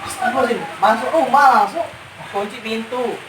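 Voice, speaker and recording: Here a woman with a slightly high voice speaks fairly quickly, casually telling a story and repeating phrases for emphasis. She's a guest describing ghost sightings. The mic is distant, the room sounds roomy, and background noise is audible.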